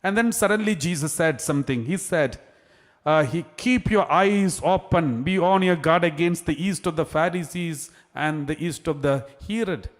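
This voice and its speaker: Priest with cathedral echo. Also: male voice, on the high side. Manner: measured and earnest, with frequent restarts. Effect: cathedral echo, long church reverb. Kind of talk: gospel reading and homily. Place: large church. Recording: long hall reverb in a church.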